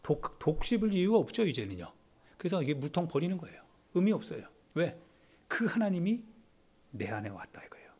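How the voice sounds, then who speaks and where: Male pastor, emotional sermon delivery; slightly high, very animated pitch; hushed asides, loud climaxes, repeated phrases. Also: fairly quick. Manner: emotional, swings from hushed whispers to loud exclamations.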